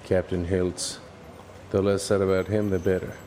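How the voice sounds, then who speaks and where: A man narrating and voicing a private investigator in a noir audio drama, with a dry, deadpan wit. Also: low voice, moderate pace, a little hiss or hum.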